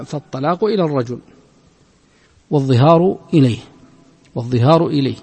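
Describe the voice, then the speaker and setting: A man giving a classical Islamic law lesson, explaining a text slowly and repeating his points. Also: a little high, dark tone, husky, in a large hall. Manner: slow, measured explanation with frequent repetition of points. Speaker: religious scholar teaching a text.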